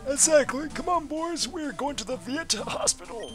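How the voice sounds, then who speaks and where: A very high, quavering old professor with dentures. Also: male voice, lively intonation, normal speed, fairly bright tone, soft background music. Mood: brisk. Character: rambling elderly male professor with dentures. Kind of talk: game character voicing.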